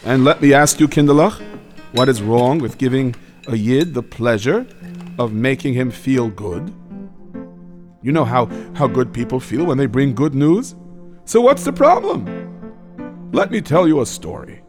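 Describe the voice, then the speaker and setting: An actor playing an elderly, warm rabbi grandfather who tells stories and teaches his grandchildren, mixing in Yiddish and Hebrew words. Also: medium pitch, animated, unhurried, over music, lightly acted. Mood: storytelling. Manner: gentle storytelling, sprinkled with Yiddish and Hebrew words. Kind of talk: audio drama for children.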